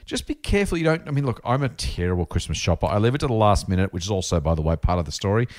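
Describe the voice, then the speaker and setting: Male Australian podcast host, blokey and chatty, rapid pace with very varied intonation. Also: lowish voice, big pitch swings. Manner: jokey, blokey, addresses co-host as mate. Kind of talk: chatty, informal personal finance podcast talk.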